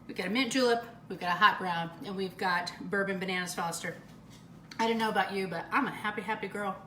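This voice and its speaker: A woman's voice: medium pitch, quick pace, sharp tone, echoey room, a little hiss or hum, low-quality recording. A woman hosting a casual cooking demo in her home kitchen, gushing over the food as she cooks and tastes it. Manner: gushing, enthusiastic food descriptions. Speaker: cooking show host.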